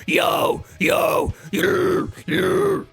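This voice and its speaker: Man's deep rasping metal growl. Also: extremely slow, shouting. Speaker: vocal coach in metal screaming. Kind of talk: deep rasping growl, demonstrated false chord scream.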